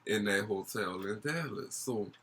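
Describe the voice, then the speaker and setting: A man's voice: fairly low pitch, measured pace, bright, forceful tone, slight background noise. A young man with a New Orleans accent telling a casual vlog story in a gossipy, sassy, slangy way. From New Orleans, USA. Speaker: YouTube storyteller.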